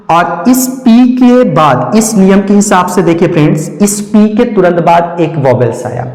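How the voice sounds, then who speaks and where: A male English teacher, slowly explaining pronunciation rules and repeating each word several times. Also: on the high side, darkish tone. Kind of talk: classroom lesson on pronunciation. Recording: echoey room with long reverb.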